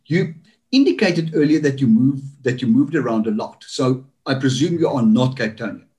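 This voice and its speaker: A man's voice: mid-range voice, expressive, normal speed, dark tone. A man in his fifties hosting a casual interview, jovial and laughing often. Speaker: host.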